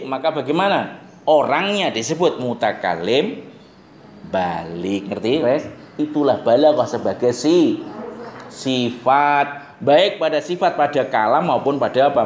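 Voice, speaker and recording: Javanese-accented male teacher in an echoey classroom. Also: mid-range voice. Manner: joking, quizzes the class with quick questions. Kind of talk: classroom lecture. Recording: roomy classroom echo, faint noise.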